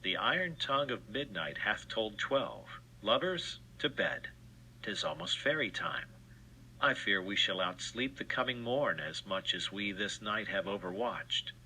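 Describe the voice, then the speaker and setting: An actor playing a stately, commanding duke, declaiming verse in a recorded stage reading. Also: male voice, a little slow, slight background noise, heavily acted, poor audio. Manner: declaiming, lively pitch. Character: stately adult male duke, commanding host.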